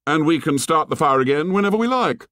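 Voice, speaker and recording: A man voicing a bossy, boastful boy who gives orders in a brisk, commanding way. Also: a little high, animated, a bit bright, no echo, clean studio sound, voice pushed up.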